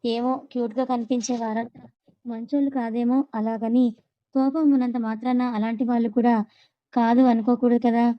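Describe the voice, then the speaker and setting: A woman's voice: fairly high pitch, flat delivery, normal speed, lo-fi sound, lightly acted. Woman voicing a chatty nosy young woman.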